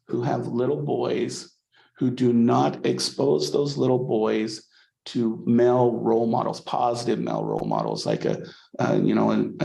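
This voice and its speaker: A psychology instructor gives a college lecture in a conversational style, his medium-pitched voice darkish and touched with vocal fry. He keeps checking in with students by asking "okay?" and repeats words when he restarts. The low-quality recording sounds roomy.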